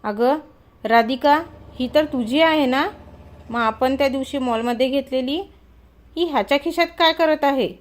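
A woman's voice: sits high, measured pace. A woman voicing a bold, mocking middle-aged woman neighbour in a spoken story, with a teasing, questioning manner.

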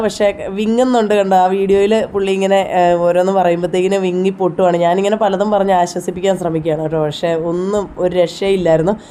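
A woman's voice: mid-range voice, mellow, slight background noise. A woman in her thirties with a Kerala Malayalam accent, narrating a personal family vlog in a chatty, heartfelt way. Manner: chatty, heartfelt, frequent tag "you know". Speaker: vlogger.

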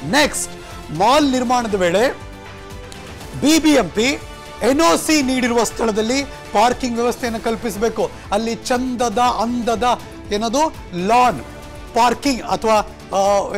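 A man anchoring a TV news bulletin in a studio, talking in an emphatic, conversational way and dropping in English phrases. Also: very high voice.

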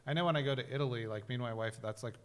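A man in his forties co-hosting a casual pop culture talk show, slowly working his way through long, rambling questions in a studio. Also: mid-range voice, clean tone, long reverb tail. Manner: rambling, many fillers and restarts while framing questions. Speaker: podcast co-host. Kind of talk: casual chat. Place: studio with orange backdrop. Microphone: studio mic on boom arm.

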